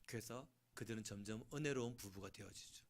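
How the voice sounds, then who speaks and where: A male pastor preaching a sermon, swinging from shouting to hushed asides and acting out scenes. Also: fairly low pitch, a little fast.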